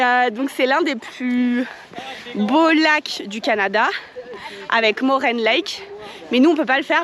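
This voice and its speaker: A woman's voice: sits high, fairly bright tone. A woman vlogging about her travels in a casual, rambling way, hesitating often and giggling between sentences. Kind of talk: casual travel vlog narration.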